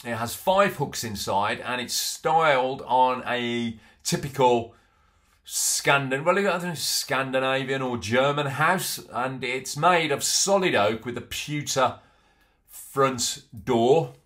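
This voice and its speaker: This antiques reseller, a middle-aged man, goes over a haul in a relaxed way from his small home office desk, often restarting and saying um. He speaks slowly in a mid-range voice with a slight brightness.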